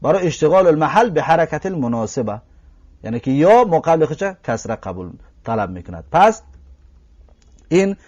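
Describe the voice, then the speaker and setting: A man with a Tajik Persian accent gives a recorded grammar lesson in a high voice. He draws out every example word slowly and keeps asking his listeners whether they followed. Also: very animated, darkish tone, muffled recording. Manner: draws out example words slowly, asks listeners rhetorical questions. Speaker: language teacher.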